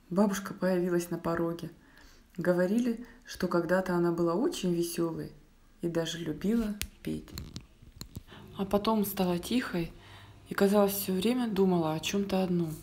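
A woman reading a story aloud, soft and often dropping to a whisper. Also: lowish voice, moderate pace. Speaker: narrator.

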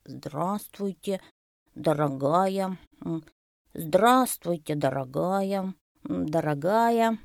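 A woman's voice: on the low side, animated, extremely slow, vocal fry, no echo, clean studio sound, full character voice. Woman doing a timid mumbling baby elephant. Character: shy little elephant calf.

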